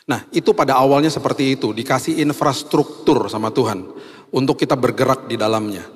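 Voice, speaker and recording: A man pastor preaching a sermon with a hoarse voice, stressing key phrases slowly and emphatically. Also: mid-range voice. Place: church hall. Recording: long hall reverb.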